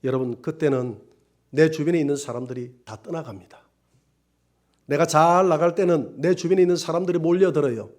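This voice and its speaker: A male pastor delivering a Sunday sermon. He preaches with heartfelt emotion, dropping to quiet, low passages and then rising loud again. His voice sits a little higher than most men's. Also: fairly quick. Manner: emotional preaching with sudden swings between soft and loud.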